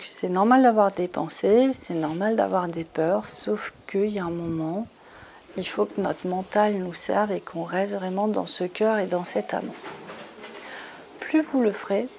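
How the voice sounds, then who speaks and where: Woman talking people through a meditation, gentle step by step, keeps asking "d'accord?", a bit gravelly, mid pitch. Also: a little hiss or hum. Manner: coaxing, checks in with "d'accord?"; soothing, leads step by step. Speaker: spiritual retreat leader. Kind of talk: guided meditation talk.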